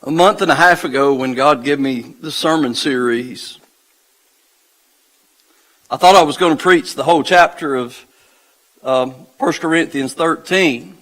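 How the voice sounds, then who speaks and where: A man delivers a sermon from the pulpit, his voice high-pitched and bright. He speaks slowly and deliberately, leaning into pauses. The intensity climbs as he reads scripture aloud. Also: poor audio. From United States. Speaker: pastor. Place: church sanctuary. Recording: live church livestream.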